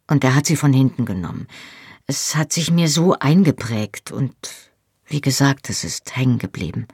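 A narrator voicing a shy, earnest young Scottish man in an audiobook, speaking softly and hesitantly. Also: medium pitch, lively intonation, moderate pace, slightly rough, no room sound, studio quality. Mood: bashful. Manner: soft, bashful, hesitant speech. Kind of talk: audiobook character voice.

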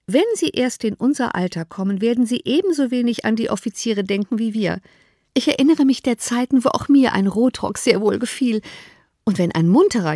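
A woman's voice: on the high side, darkish tone, dry recording, clean studio sound. A woman reading an audiobook, voicing a fussy, scheming middle-aged mother who frets and scolds. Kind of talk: audiobook character voice.

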